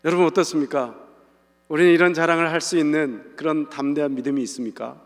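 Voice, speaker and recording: A male pastor delivers a sermon in a church sanctuary, speaking earnestly and drawing his listeners in with direct questions. His voice sits a little high for a man, and it rings out with the long reverb of the hall. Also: steady tone, fast. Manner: earnest, conversational preaching with asides to the congregation.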